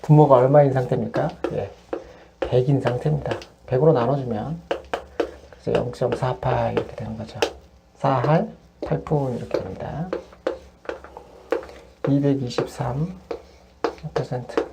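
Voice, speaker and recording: Woman tutoring math, super low gravelly voice, noisy recording. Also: normal speed, long pauses. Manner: patient, step-by-step explaining. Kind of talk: worked-example lesson.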